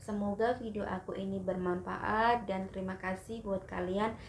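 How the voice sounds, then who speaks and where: A woman's voice: mid-range voice, steady tone, normal speed. A young woman vlogger explaining everyday phrases in a chatty, casual way, acting out short examples. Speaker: vlogger teaching Mandarin phrases. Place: in Taiwan. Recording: echoey room with faint background hiss.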